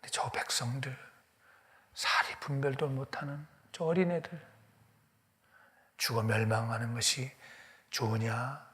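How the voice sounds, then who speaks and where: A man's voice: very high voice, very animated, unhurried, pitched above the performer's own voice, heavily acted. A male pastor voicing God as a loving father who pleads with a sulking prophet, sometimes crying out and sometimes whispering. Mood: hushed tender. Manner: impassioned, rising to loud cries, then falling to a hushed whisper. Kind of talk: sermon with dramatized dialogue.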